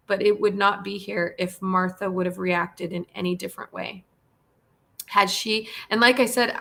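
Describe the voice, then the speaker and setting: Woman host, live casual talk, earnest and pleading, repeats herself, bright tone, sometimes tearful. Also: mid-range voice. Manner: earnest, pleading, repeats words when emotional. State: tearful at times. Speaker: podcast host and pet spa owner.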